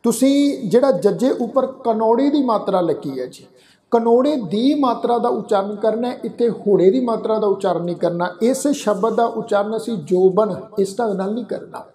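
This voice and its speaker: A man teaching how to pronounce scripture. He patiently spells out each letter and vowel sign, then recites each verse line slowly and drawn out. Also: sits high, dark tone. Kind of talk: pronunciation lesson with slow chanted recitation.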